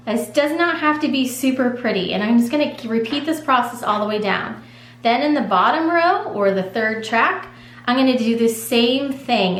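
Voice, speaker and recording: Chatty woman demonstrating a craft, roomy echo. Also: a little high. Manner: relaxed, chatty, reassuring. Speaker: craft tutorial host. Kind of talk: casual step-by-step craft demonstration. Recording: echoey room with faint hum.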